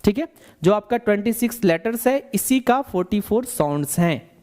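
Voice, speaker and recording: A man teaching a bilingual spoken English lesson, explaining step by step, repeating questions to the learner and slowing down to dictate definitions. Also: high-pitched, animated, a little mellow.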